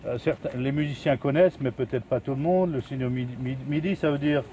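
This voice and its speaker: A man's voice: medium pitch, fairly quick, dark tone, a little hiss or hum. An older man, a retired music teacher, patiently explaining a plant music demonstration outdoors in a garden.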